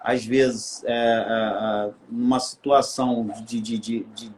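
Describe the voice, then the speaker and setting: A man's voice: mid-range voice, little pitch movement, slow pace, darkish tone. A man with a Brazilian Portuguese accent, a guest on a live-stream interview, speaking earnestly and building his points through repeated phrases.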